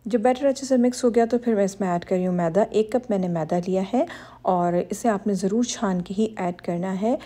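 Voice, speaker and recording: Speaking a little fast, a woman who runs a cooking channel talks viewers through a baking tutorial over her cooking footage, one step at a time. She has a warm, mellow tone at an ordinary middle pitch. Throughout, she's reassuring and instructive, and she addresses women viewers directly.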